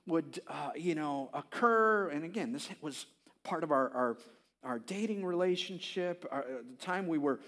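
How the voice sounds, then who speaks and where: A man in his fifties preaching a conversational sermon as a pastor, telling stories with animated swings and frequent halting restarts. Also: on the high side. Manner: animated storytelling, voice leaps up when reenacting his own pleas; halting restarts and repeated words.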